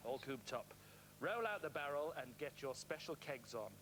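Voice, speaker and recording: Male game show host, high-pitched, very lively intonation, theatrical, jokey. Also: moderate pace, slight background noise. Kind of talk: studio game show presenting.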